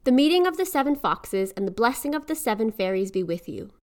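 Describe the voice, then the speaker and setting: A woman's voice: fairly high pitch, sing-song, fairly quick. A woman voicing a sly, mocking female fly who gives grand blessings in a storybook tale. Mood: mock-solemn.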